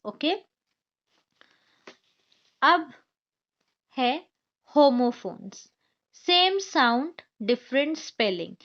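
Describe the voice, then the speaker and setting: An Indian woman tutor walks learners through a grammar lesson, unhurried and patient as she spells out each example word. Her voice sits high, and the recording sounds a little dull and lo-fi. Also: a bit bright.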